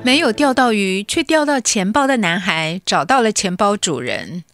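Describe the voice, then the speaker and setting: A woman's voice: medium pitch, expressive, normal speed, fairly bright tone, dry recording, clean studio sound, soft background music. A woman teaching a scripted bilingual vocabulary lesson, enunciating carefully and acting out example sentences.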